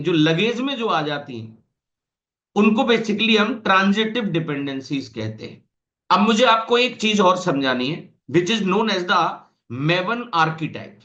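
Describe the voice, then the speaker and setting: A man's voice: high-pitched, sharp tone, highs cut off. A man with an Indian accent teaching a coding tutorial in Hindi mixed with English terms, explaining step by step and checking in with the viewer. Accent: Indian Hindi, mixing English terms. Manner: explanatory, addresses viewer directly, frequent "right?". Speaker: programming tutor. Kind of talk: screen-recorded coding tutorial.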